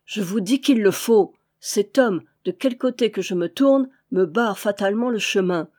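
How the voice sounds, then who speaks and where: A woman's voice: mid-range voice, moderate pace, a little mellow, close to an everyday voice. A woman voicing a scheming male manor lord who bargains and pleads with his servants in a heated, desperate way.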